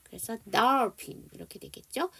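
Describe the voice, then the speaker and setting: A woman's voice: fairly high pitch, very animated, a little slow, gravelly, fairly bright tone, husky. A woman teaching an online English phonics lesson, explaining spelling and sounds and leading students through repetition drills.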